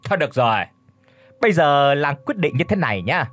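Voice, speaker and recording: A man voicing a bullying, foul-mouthed old village chief who shouts threats and orders. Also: on the high side, sing-song, fairly quick. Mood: furious.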